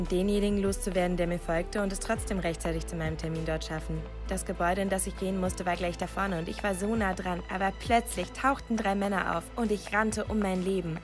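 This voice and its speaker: A woman reading a scripted first-person story aloud, dramatic and emotive, her pitch rising sharply at tense moments.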